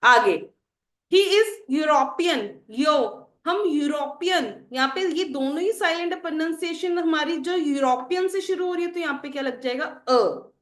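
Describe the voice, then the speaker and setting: Female teacher, high voice, roomy echo; quizzes the class and answers her own questions. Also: normal speed, few pauses, a bit bright. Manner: asks the class questions and answers them herself; addresses students as children. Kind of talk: explaining English grammar to students.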